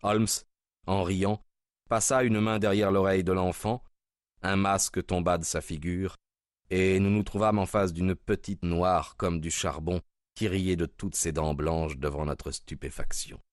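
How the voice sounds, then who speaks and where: A man narrating a story aloud in an even, measured reading voice. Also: low voice, no echo, clean studio sound. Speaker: audiobook reader. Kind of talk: scripted narration.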